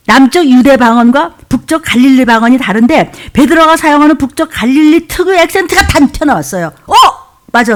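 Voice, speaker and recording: High-voiced woman preaching a Jeolla-tinged sermon. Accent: Korean with Jeolla dialect touches. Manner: emphatic, swings between loud exhortation and hushed asides.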